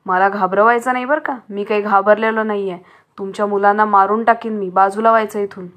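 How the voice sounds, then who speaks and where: A woman's voice: medium pitch, fairly even intonation, fairly quick, muffled recording, close to an everyday voice. A woman voicing a bold male thief who poses as a plumber and talks in a bossy, threatening way. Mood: menacing.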